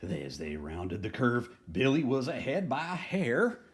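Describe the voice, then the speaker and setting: A man reads a children's picture book aloud at a measured pace, his medium-pitched voice swinging hugely in pitch. His delivery is folksy and playfully dramatic, full of chatty asides, and sometimes drops to a hush.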